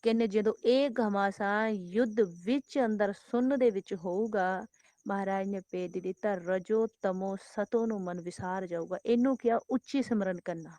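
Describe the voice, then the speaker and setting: Woman preacher, mid pitch, chanted scripture quotes, repetitive exhortation, dry close recording. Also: darkish tone, no echo. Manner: repetitive, rising emphatic exhortation. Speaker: Sikh preacher giving katha. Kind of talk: devotional sermon.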